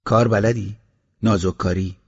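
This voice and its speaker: A man's voice: on the low side, steady tone, slightly rough, big-room sound, lo-fi sound. A man voicing a thin, polite working mason who asks short, plain questions. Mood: curious.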